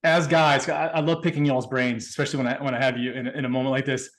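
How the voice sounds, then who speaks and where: A man co-hosting a casual podcast, asking long, halting questions full of repeated words. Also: mid-range voice, level tone, a bit bright. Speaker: co-host.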